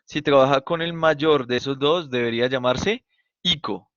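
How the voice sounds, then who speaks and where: A male teacher with a Colombian accent leads an online lesson at a middling pitch. He is patient and walks his students through each step, posing questions and then answering them himself. The sound is dry and a bit dull, like a computer mic on a video call. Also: moderate pace, fairly bright tone, dry recording. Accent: Colombian Spanish. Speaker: chemistry teacher. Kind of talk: online class lecture.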